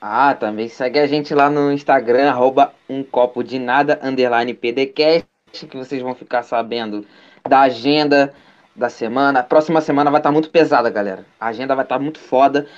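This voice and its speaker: A man's voice: medium pitch, fairly even intonation, brisk. A Brazilian man hosting a live podcast stream in informal, slangy chat. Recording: dull lo-fi sound.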